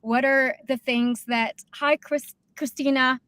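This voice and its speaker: High-voiced woman hosting a panel. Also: fairly even intonation, slow, fairly bright tone, smooth, no room sound. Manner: talkative, rambling sentences with many fillers. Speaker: host. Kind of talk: casual panel chat.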